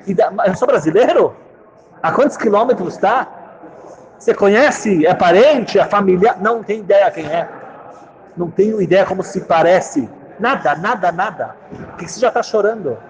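Lively high-voiced man teaching Torah. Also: normal speed. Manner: chants Hebrew verse then explains, rhetorical questions. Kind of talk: Torah class. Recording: muffled lo-fi recording.

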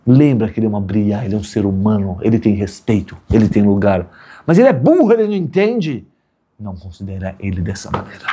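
Husky dark-voiced guy giving a sermon, story style, does all the voices. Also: lowish voice. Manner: animated storyteller, acts out quoted voices, asks "tá bom?" often. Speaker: rabbi teaching a class.

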